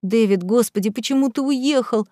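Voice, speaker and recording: A woman reading an audiobook, voicing a frightened but defiant young woman held prisoner, with sharp, indignant speech. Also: moderate pace, dry recording, studio quality, close to an everyday voice. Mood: frightened anger. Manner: sharp, indignant, higher-pitched.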